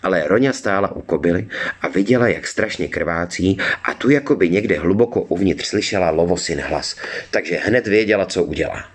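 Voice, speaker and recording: A man with a deep, low voice reads a children's storybook aloud. His delivery is calm and measured. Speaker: audiobook reader. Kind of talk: storybook narration.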